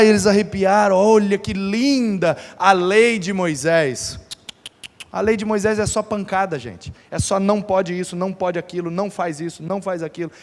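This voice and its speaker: A pastor preaching a sermon, emphatic and dramatic with humorous touches. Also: male voice, high voice. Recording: reverberant church hall.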